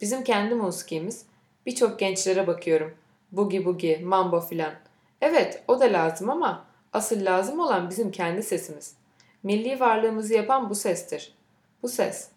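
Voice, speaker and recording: Woman reading a grand, speech-loving older gentleman host in a storybook, roomy echo. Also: medium pitch, lively intonation, moderate pace, lightly acted. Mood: earnest. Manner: grand, talkative, fond of speeches.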